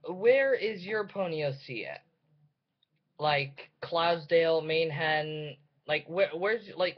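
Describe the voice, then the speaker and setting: Recorded on a dull, lo-fi webcam mic in a room at home, a young man with a fairly high voice hosts a casual reaction video. He rambles with hesitation, breaking off mid-sentence and putting himself down.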